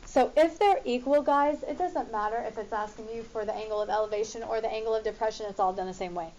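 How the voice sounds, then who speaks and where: A woman's voice: a little high, quick pace, darkish tone, dull audio, a little hiss or hum. A woman teacher talking to her class in an informal, directive way as she works through math examples. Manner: informal, directive, checking students follow along.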